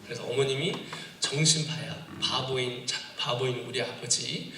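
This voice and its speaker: A man's voice: mid-range voice, fairly even intonation, normal speed. A man with a Chungcheong accent, a guest missionary giving a humorous, playful talk in church, bantering with the crowd. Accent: Chungcheong dialect. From South Chungcheong, Korea. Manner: joking, playful crowd banter mixing English. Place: church sanctuary. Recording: echoey room, distant mic, noisy.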